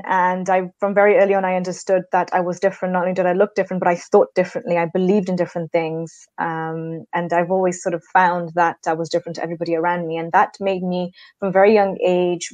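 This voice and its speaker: A woman from Portugal speaking on an online panel, thoughtful and measured as she tells her story. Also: on the low side, a little mellow, dry recording. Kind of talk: reflective personal story on a panel.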